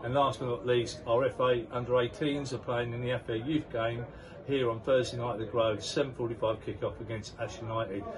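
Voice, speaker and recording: The club interviewer, an older man, chats promotionally with a player after the match at an outdoor football ground, using leading questions. He talks a little fast at medium pitch, with little pitch movement and hardly any pauses. The handheld mic is recorded by a far-off camera, so the audio is distant with crowd noise.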